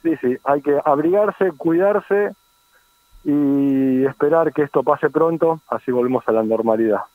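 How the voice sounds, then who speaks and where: A man's voice: fairly high pitch, a little slow, dry recording. An Argentine man giving a conversational weather report as a forecaster calling in to a radio programme. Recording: thin, phone-like radio call.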